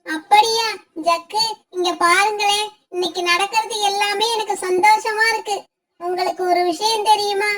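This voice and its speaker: A woman voicing a gentle, devoted young bride myna bird in a cartoon, in a very high, thin voice with earnest pleading delivery. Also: moderate pace. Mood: joyful. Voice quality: very high, thin and flat-toned. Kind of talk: cartoon voice acting.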